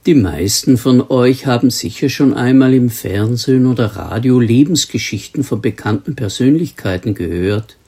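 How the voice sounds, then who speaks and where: Man, preacher, sermon, slow, dark mellow tone, deliberate word stress. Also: mid-range voice, husky. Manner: slow, measured, stresses single words. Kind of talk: sermon with scripture reading.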